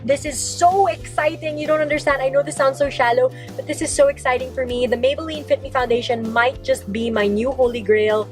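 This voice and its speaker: A woman's voice: high voice, fairly even intonation, brisk, few pauses, soft background music, poor audio. A young woman from the Philippines chatting to camera for a beauty vlog, bubbly and chatty, filming with a handheld camera in her car and at home. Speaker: beauty vlogger. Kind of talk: casual vlog chat to camera.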